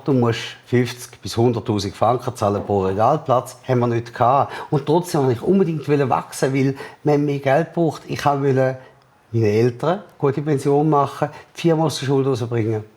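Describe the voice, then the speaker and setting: A man's voice: medium pitch, normal speed. A man with a Swiss German accent, an entrepreneur in an interview, telling a story with energy and acting out the dialogue. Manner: lively, acts out the other people's lines in quoted dialogue.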